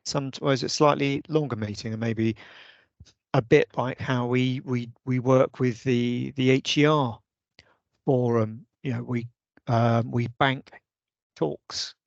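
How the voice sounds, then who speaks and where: A man's voice: mid-range voice, fairly even intonation, measured pace, creaky, no echo. Hesitant man on a dull video call. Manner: hesitant, with many restarts and fillers. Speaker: vice chair of a users' group meeting. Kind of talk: casual online meeting discussion.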